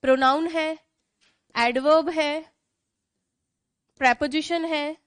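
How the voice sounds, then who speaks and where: High-voiced woman teaching grammar. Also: steady tone, slow pace, no echo. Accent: Indian. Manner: explains in Hindi mixed with English, repeats points and asks the class questions. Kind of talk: online class lecture.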